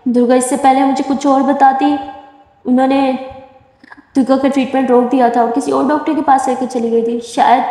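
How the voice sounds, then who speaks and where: Woman voicing a male doctor, grave, blunt, measured, storybook, heavy echo, hall reverb. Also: sits high, dark tone, lightly acted.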